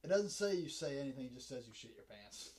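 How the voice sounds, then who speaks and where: A man's voice: medium pitch, sing-song, fast talker, darkish tone. A man co-hosting a comedy podcast, riffing and cracking crude jokes in casual banter. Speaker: podcast co-host.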